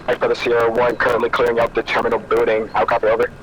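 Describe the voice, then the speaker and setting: Give me a fast, flat man's voice coming over a walkie-talkie. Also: medium pitch, slight background noise, low-quality recording. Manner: clipped radio procedure speech. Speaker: player on a squad radio net. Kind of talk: military radio callout.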